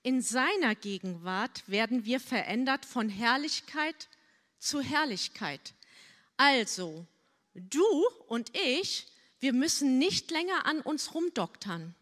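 A middle-aged woman pastor preaching a sermon in earnest, drawn-out phrases, sometimes dropping to a hushed, pleading prayer voice. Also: high-pitched, animated. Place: church hall. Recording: church hall with long reverb.

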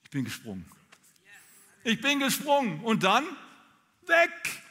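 A man's voice: sits high, very animated, moderate pace, pushed and bright, long reverb tail, pitched above the performer's own voice, exaggerated voice. A man playing a woman who retells her first bungee jump, breathless and building tension, in a sermon. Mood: tense retelling.

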